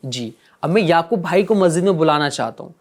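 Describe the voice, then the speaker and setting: A man teaching a religious lesson to children, gently coaxing them with repeated questions. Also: fairly high pitch, expressive.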